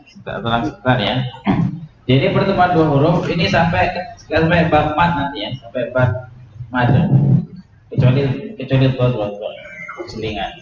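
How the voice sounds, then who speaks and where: Man teaching in an echoey room. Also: medium pitch. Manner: explains rules slowly, asks students questions. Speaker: Quran recitation teacher. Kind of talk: classroom tajwid lesson. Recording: echoey room, dull, noisy.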